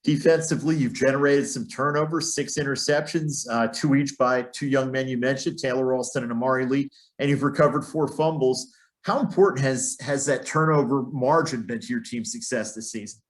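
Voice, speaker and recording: A man's voice: medium pitch, a little fast. A man working as a sports interviewer, putting questions in a conversational way.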